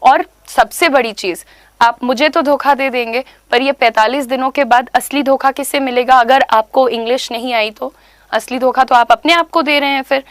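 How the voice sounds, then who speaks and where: A woman's voice: high-pitched, steady tone, moderate pace, no room sound. A young woman with an Indian accent giving an online spoken English class, emphatic and instructive, repeating key points. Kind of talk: online class lecture in mixed Hindi and English.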